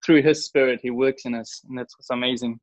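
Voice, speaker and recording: Briskly and with fairly even intonation, a young Swiss man speaks in a mid-range voice as a guest on a podcast interview. A church worship singer with an accent influenced by New Zealand, he chats earnestly and casually, and there's no echo on the recording.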